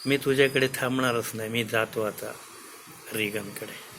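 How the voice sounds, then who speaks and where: A man's voice: medium pitch, fairly even intonation, unhurried, a bit bright, a little hiss or hum, pitched below the performer's own voice. A man storyteller voicing an angry, proud old king who takes offence easily and raises his voice indignantly.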